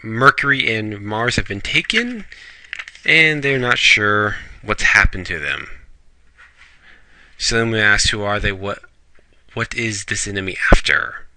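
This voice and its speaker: A man's voice: on the low side, animated, measured pace, long pauses, sharp tone, slight background noise. A man casually reviewing a manga chapter, rambling along with fillers and restarts.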